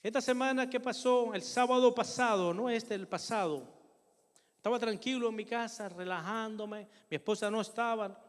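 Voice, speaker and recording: An older pastor preaches with a high voice, his words ringing through a reverberant church hall. He tells a personal story earnestly and with feeling, turning again and again to his congregation as brothers. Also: moderate pace. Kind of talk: sermon with personal testimony.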